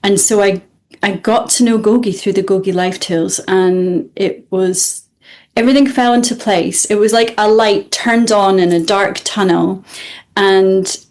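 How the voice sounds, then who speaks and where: A woman's voice: mid-range voice, measured pace, a little mellow. A woman from Scotland with a Scottish accent, a guest speaking earnestly and reflectively in an interview, often restarting her sentences. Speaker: guest, student of the program. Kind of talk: interview conversation.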